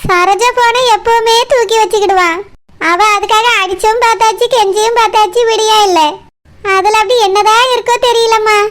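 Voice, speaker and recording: A woman's voice: extremely high pitch, fairly even intonation, fairly quick, a bit bright. A woman voicing a kindly neighbor in a cartoon who reminisces and comforts her friend, in a Kanyakumari Tamil accent. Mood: reminiscing. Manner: soothing, reminiscing.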